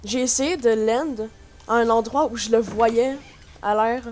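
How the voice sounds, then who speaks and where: A woman with a Quebec French accent giving chatty, excitable commentary on her gameplay to her viewers. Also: fairly high pitch, measured pace. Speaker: gaming YouTuber. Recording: noisy home recording.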